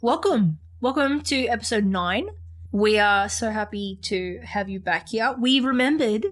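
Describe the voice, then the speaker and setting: A woman's voice: medium pitch, a little slow. A young woman co-hosting a casual podcast, joking at her own expense in a giggly, playful way. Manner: playful, self-mocking, giggly. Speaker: podcast co-host. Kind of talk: casual banter.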